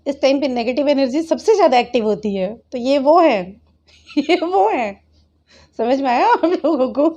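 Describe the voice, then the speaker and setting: Brisk and expressive, barely pausing, this high-pitched host scolds, tuts at and mocks the people in her reaction content, laughing frequently. Despite its height her voice sounds mellow and dark, and the recording comes across dull and lo-fi.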